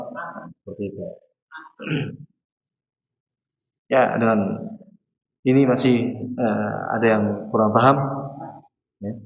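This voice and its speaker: A man's voice: mid-range voice, slight background noise. Man teaching recitation in an echoey mosque hall. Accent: Indonesian. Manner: explains patiently, repeats sounds and chants verses slowly to demonstrate. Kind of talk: mosque class on Quran pronunciation. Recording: echoey hall, dull lo-fi sound.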